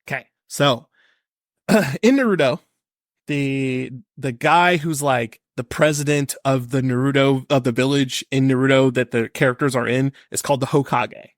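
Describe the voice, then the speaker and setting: A man in his thirties co-hosting a casual podcast, talking in an animated, emphatic rant. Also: fairly high pitch, no echo, clean studio sound. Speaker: podcast co-host.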